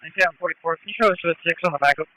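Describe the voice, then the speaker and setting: A man's voice: a little high, rapid-fire, bright, forceful tone, dry recording, low-quality recording. A man doing police radio traffic in terse call-sign phrases, heard over a two-way radio with bursts of static. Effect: two-way radio transmission with static bursts.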